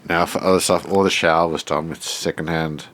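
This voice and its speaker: An Australian vlogger with a blocked nose gives a casual, unscripted tour of a shed he built himself, thinking aloud as he goes. His voice is low, stuffed-up and nasal, a bit bright, with little pitch movement and a fairly quick pace.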